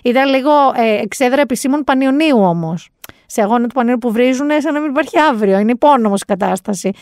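A woman hosting a podcast, telling stories in a chatty, sarcastic, animated way. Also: on the high side, no room sound, studio quality. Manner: chatty, sarcastic, animated storytelling with quoted voices. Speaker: podcast host. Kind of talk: casual chat recap.

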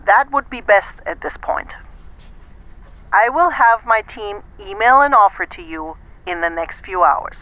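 Heard through a dry, narrow-band telephone line, an actress in an audio drama plays a brisk, persuasive corporate executive. Her medium-pitched voice is animated, and she stays firm and businesslike.

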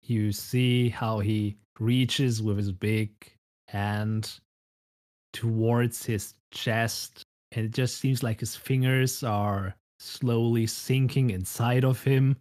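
Guy running a tabletop game, slow descriptive narration, steady middle pitch. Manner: unhurried, descriptive. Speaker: game master.

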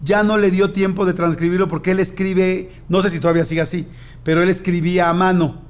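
A man's voice: sits high, flat delivery, brisk. A man with a Mexican accent, animatedly telling an anecdote in casual chat and acting out the dialogue. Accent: Mexican Spanish.

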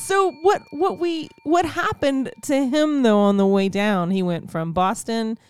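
A woman co-hosting a podcast, telling a story in casual chat, animated, laughing often and acting out the people in it. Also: on the high side, a little slow. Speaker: podcast co-host.

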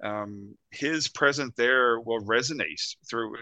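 A man's voice: medium pitch, slow, pushed and bright, no echo. A man from Canada, a podcast guest, talking earnestly in casual chat. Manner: earnest, many fillers and restarts.

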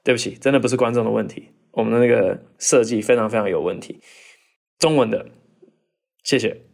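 A man hosting a casual podcast, reading listener questions and answering with animated, mock-exasperated rants and jokey asides. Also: medium pitch, a little fast, vocal fry. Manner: mimics accents in bursts of English. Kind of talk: casual chat.

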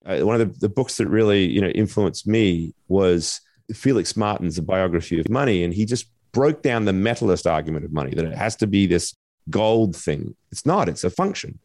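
A man co-hosting a podcast, reading a measured intro and then musing aloud in a thoughtful, filler-laden way. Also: fairly low pitch, darkish tone, no echo. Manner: measured, thoughtful, many "you know" fillers. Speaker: podcast co-host. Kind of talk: scripted intro then casual discussion.

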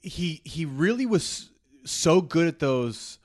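A man's voice: fairly high pitch, lively intonation, slow pace. A man talking casually about sports on a podcast. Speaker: sports podcast guest or co-host.

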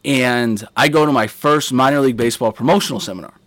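Male storyteller, forties, animated, laughs through it, dry close mic. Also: medium pitch, fast talker, no echo. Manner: animated, laughs mid-story, acts out chants and quotes. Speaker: guest telling a story. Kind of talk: casual storytelling.

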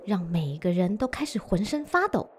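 A woman narrating a children's story in an animated, expressive way. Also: mid-range voice, normal speed, a little hiss or hum. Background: background music.

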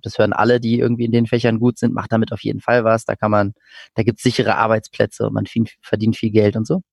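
A man's voice: medium pitch, a little mellow, no room sound. A man from Berlin in his thirties, telling his life story as an interview guest in a reflective, hesitant way with many fillers. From Germany (Berlin). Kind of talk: casual conversational interview.

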